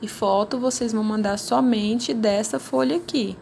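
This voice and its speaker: Brazilian woman teacher, patient explaining, fairly high voice, faint background hiss. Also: moderate pace, gravelly, a little mellow. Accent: Brazilian Portuguese. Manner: patient, explanatory, frequent "né?" tags. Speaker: primary school teacher. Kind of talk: recorded remote class explaining worksheets.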